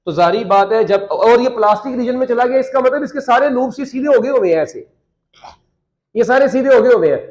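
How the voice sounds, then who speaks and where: A man's voice: very high voice, lively intonation, darkish tone, reverberant, poor audio. A man teaching a physics class, joking and quizzing students with repeated questions.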